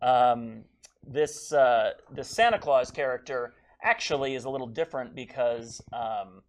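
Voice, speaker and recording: A man's voice: medium pitch, measured pace. An American man giving casual, jokey interview answers as a puppet builder and puppeteer.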